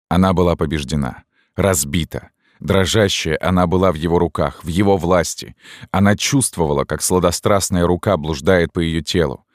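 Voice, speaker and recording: A man reading a classic novel aloud as scripted audiobook narration, steady and measured. His voice is very deep, and the recording is close and dry, with no room sound. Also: no room sound.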